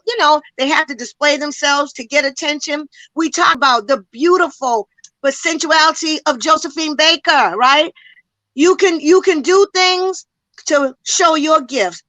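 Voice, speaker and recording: On a panel, this woman community educator argues with passion at a moderate pace, her high voice pushed and bright. She fires off rhetorical questions, stresses her points, and sounds slightly breathless; the recording has no echo and is low quality.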